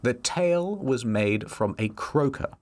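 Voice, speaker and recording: A man narrating a comedic history video, wry and storytelling, with sudden swings in pitch. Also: animated, slow pace.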